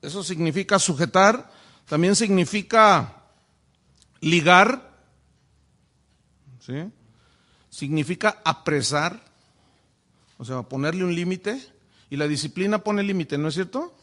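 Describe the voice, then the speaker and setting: A man's voice: high voice, slow, pauses often, sharp tone. A man, a preacher giving sermon-style Bible teaching and asking the audience many rhetorical questions.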